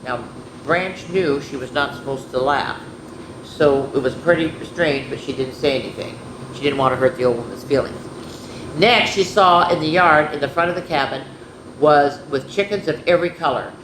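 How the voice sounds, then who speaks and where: A woman with a low-pitched voice, speaking at normal speed, hosts a children's story time, reading picture books aloud and doing show-and-tell. She is playful and chatty, wandering into asides to her viewers. The room is echoey, with clear background noise.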